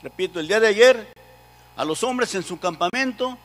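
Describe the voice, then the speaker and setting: High, bright-voiced preacher. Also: male voice, expressive, normal speed, big-room sound, faint music behind. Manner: impassioned preaching, calls the congregation to repeat phrases. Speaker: pastor. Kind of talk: sermon.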